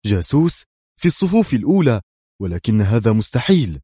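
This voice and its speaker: A man's voice: mid-range voice, sing-song, a little fast, mellow, slightly rough, no echo, clean studio sound. A man playing a proud, irritable male air force commander who speaks in an indignant, agitated way in an audiobook thriller.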